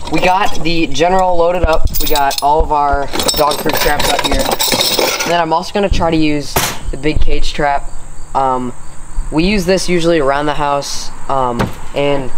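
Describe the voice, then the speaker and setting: A man's voice: on the high side, background noise. A teenage boy talking casually to viewers while he works outdoors on a farm, full of ums and uhs, recorded on a camera mic. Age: teens. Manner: relaxed, frequent ums and uhs, addresses viewers as guys. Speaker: vlogger. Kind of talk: casual outdoor vlog narration. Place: outdoors in woods and fields on a farm. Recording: outdoor ambience with insects.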